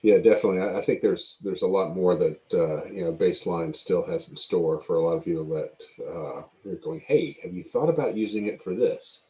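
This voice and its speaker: A man's voice: low voice, normal speed, hardly any pauses, mellow, poor audio. A man talking casually on a call, hesitant and using many fillers like "uh, you know". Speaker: community member on the call. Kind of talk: casual livestream discussion.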